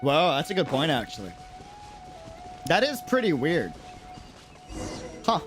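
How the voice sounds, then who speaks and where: Over background music, this American live streamer talks at an unhurried pace in a higher voice whose pitch swoops wildly. He's from the United States and gives casual, slangy reactions as he streams a game.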